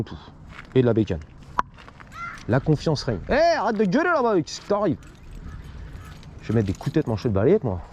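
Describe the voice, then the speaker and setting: A man rides through city streets, cracking jokes in slangy, casual running commentary. His pitch swings widely as he talks. Traffic and engine noise sit clearly behind his helmet mic. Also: mellow, lo-fi sound. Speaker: motorcycle vlogger. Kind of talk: casual vlog commentary while riding. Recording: traffic and wind noise outdoors.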